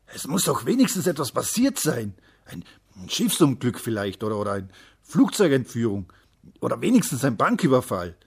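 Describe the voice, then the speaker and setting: A man voicing a gruff, blustering father who talks loudly. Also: fairly low pitch, big pitch swings, quick pace, few pauses, exaggerated voice. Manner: loud, blustering.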